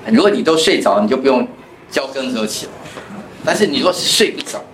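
A man's voice: medium pitch, very animated, quick pace, fairly bright tone. A male pastor, teaching a Bible class in a chatty way with personal stories. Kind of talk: conversational Bible lesson with anecdotes. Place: church classroom. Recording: echoey room with faint noise.

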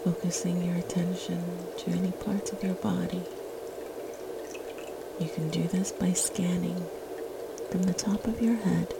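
A woman leading a guided meditation in a soft, soothing, gentle spa-like whisper, as the host. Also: lowish voice, level tone, unhurried, gravelly, pauses often, over loud music. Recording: loud watery ambience, dripping water. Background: running and dripping water ambience.

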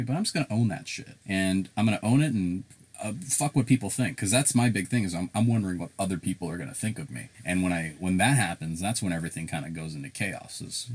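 A young man with a slight Southern drawl, co-hosting a podcast in casual, candid chat, often swearing and trailing off quietly. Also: low voice, slightly rough. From South Carolina. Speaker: podcast co-host.

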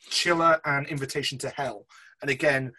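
A man's voice: mid-range voice, fairly even intonation, moderate pace, bright, forceful tone. A man co-hosting a casual film review podcast, upbeat and chatty. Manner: upbeat, chatty, says mate. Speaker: podcast co-host.

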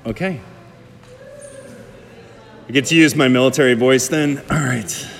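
A priest giving a homily at Mass, reflective and conversational, with hedging fillers. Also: male voice, medium pitch, a little slow, slight background noise. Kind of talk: Gospel reading and homily at Mass. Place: church. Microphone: microphone that cut out. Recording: long church reverb.

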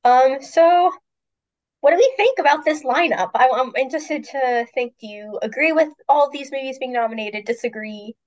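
A woman's voice: sits high, normal speed, dull audio. A woman co-hosting a movie podcast, a little congested from a cold, chatting frankly with fillers. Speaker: podcast co-host. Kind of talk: casual podcast chat.

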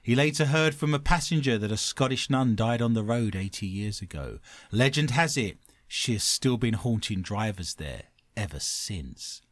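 A man hosting a paranormal show, narrating ghost stories dramatically and dropping into hushed tones, with some banter. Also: fairly low pitch, animated, moderate pace, hardly any pauses, no echo. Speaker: host of a paranormal quiz show. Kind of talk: scripted ghost-story narration mixed with banter.

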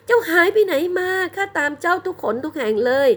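A woman's voice: extremely high pitch, expressive, fairly quick, fairly bright tone, pitched above the performer's own voice. A woman voicing a heartbroken young bride in a storybook tale, with a raised, pleading voice. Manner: pleading, emotional.

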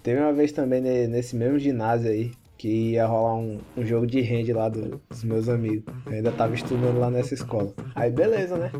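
A man's voice: mid-range voice, steady tone, a little fast, hardly any pauses, music in the background. A young Brazilian man on a podcast, casually telling school stories with lots of slang and swearing, laughing as he goes. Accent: Brazilian Portuguese. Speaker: podcast co-host. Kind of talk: casual storytelling chat.

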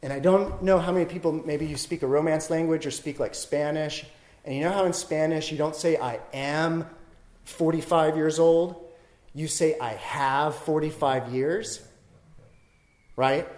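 A man's voice: fairly high pitch, steady tone, measured pace, darkish tone, roomy sound. A man giving a dharma talk, explaining ideas step by step and thinking aloud, often checking in with "right?". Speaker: dharma teacher.

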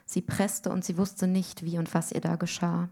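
A woman reading a literary story aloud in a rhythmic way, often dropping to hushed tones. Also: lowish voice, flat delivery, normal speed, gravelly. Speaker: reader.

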